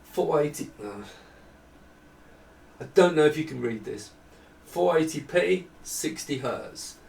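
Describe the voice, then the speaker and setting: Seated at a desk in a small indoor room, a middle-aged presenter shows off retro computer gear in an offhand, rambling, self-deprecating way. He speaks slowly in a gravelly, darkish, higher-pitched and expressive voice. The roomy, far-off camera mic picks up a little hiss or hum.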